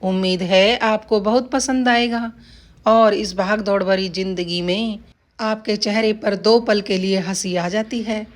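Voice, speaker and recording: A woman storyteller narrates a humorous village tale. She talks to her listeners in a friendly, direct way. Her tone stays even and mid-pitched. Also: unhurried. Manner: friendly, addresses viewers directly. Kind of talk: told folk story.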